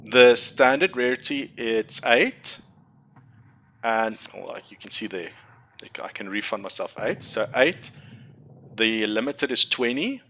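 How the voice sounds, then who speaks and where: Walking through a card game deck build, this young man rambles, corrects himself, and explains things in a chatty way. He is a gaming content creator whose first language is Afrikaans, offering casual tutorial commentary in a mid-range, expressive voice with a sharp tone and a slow pace.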